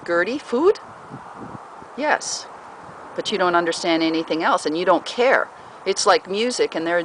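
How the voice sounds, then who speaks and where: A pet owner casually giving puppy training advice at home, rambling with many fillers and often breaking off to talk to the pets. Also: mid-range voice. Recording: noisy home recording.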